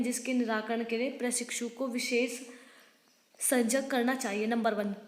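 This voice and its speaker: A fairly high-pitched woman reads teaching notes aloud like a tutor going through exam material. She stumbles and restarts now and then and turns to her students for quick informal asides. The room rings with long, echoing reverb. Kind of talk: reading out exam study notes.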